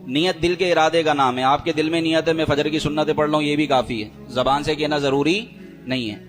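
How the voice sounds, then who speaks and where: A man giving step-by-step prayer instruction who slows down to recite and demonstrate the words. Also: a little high, fairly even intonation. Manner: demonstrates recitations slowly and deliberately. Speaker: religious teacher.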